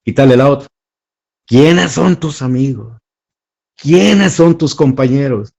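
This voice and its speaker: A man's voice: mid-range voice, wildly swooping pitch, normal speed, a little mellow, husky, pitched above the performer's own voice. A man voicing a brutal soldier interrogator, barking menacing questions in a Salvadoran accent. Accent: Salvadoran Spanish.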